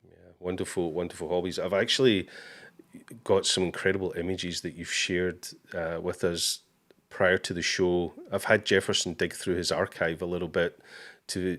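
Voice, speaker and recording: Speaking at a moderate pace, a deep, very low-voiced man hosts a live interview show. He reads out comments from viewers and says hello to people in a relaxed way, filling the gaps with "uh" and "um."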